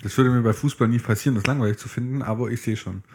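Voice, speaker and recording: Male co-host, husky tone, reads a story aloud with jokey interruptions. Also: medium pitch, racing, darkish tone. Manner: jokey, interrupts his own reading with asides. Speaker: podcast co-host reading a fairy tale aloud. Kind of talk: casual chat with read-aloud passages.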